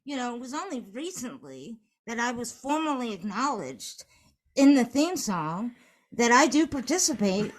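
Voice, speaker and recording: A woman co-hosting a casual podcast, her voice a touch high. She leads the segments in an organized, steady way. Her speech is loose and filled with "um" and "you know.". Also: normal speed. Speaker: podcast co-host.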